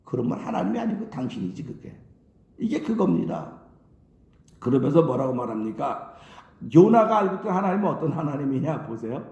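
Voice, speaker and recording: A man preaching a Korean early-morning sermon as pastor, animated and acting out dialogue with God. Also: mid-range voice, a little fast, muffled recording. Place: church sanctuary. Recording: echoey sanctuary recording.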